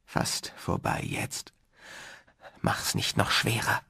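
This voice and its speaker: A man voicing a panicked young man trapped underground, shouting desperately in a high voice. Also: animated, takes it slowly. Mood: resigned urgency.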